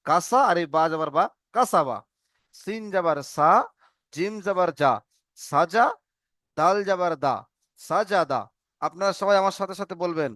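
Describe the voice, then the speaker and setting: A man teaching an Arabic reading lesson, slowly drilling letters and syllables in call and response. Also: high-pitched, a bit bright, clear, resonant tone, dry recording, studio quality.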